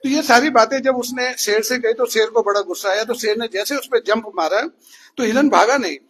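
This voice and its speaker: A man's voice: very high voice, a little fast, a bit bright, husky. A male teacher telling a story to children in class, often asking them questions as he goes. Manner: asks questions to the listeners.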